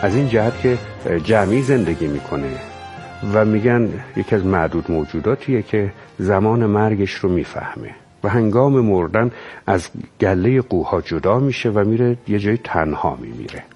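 Low husky guy talking it through, pitch moving around a lot, faint music behind. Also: lively intonation, darkish tone. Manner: thoughtful, measured explaining with hesitations. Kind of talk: reflective talk.

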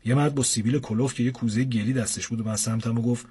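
A young man narrates a comic first-person adventure in a casual, lively way. His voice sits at middle pitch. It has a husky grain. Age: young adult.

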